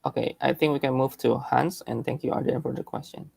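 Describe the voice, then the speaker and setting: A man teaching a class over a video call, explaining slowly with hesitations and checking in with his listeners. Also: mid-range voice, fairly even intonation, vocal fry, darkish tone, breathy edge, dry recording. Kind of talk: online class lecture.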